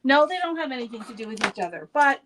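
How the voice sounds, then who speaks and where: A woman's voice: sits high, big pitch swings, quick pace, noisy background. A woman hosting a craft store's live show, chatting casually and upbeat about products and store news. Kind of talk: casual livestream product chat.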